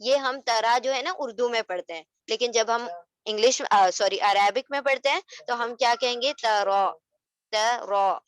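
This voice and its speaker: Patient woman teacher, her voice set a touch high, explaining recitation step by step. The sound is close and dry, with no room around it. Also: moderate pace, no room sound. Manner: patient, corrective, mixes English into Hindi-Urdu. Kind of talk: online tajweed lesson.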